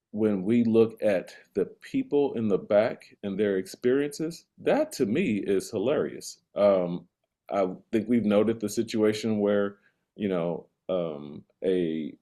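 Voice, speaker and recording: Mellow-voiced man on an emphatic comic rant. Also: on the low side. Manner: emphatic, repeats phrases for comic effect, builds to exasperation. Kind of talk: casual conversational rant.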